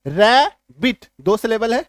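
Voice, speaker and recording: A man with a fairly high voice teaches spelling and spells words out letter by letter. He repeats each point and often checks that his students understand. The sound is dry and close, with no room echo. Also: sing-song, slow. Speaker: English teacher. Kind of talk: spelling lesson.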